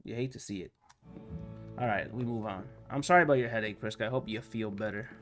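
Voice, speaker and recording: A man's voice: on the low side, fast, a bit bright, soft background music. A man streaming a video game, joking with chat and reading lines along, sick with a cold. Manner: jokey, chats with viewers, voices characters mockingly. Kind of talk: casual let's-play commentary.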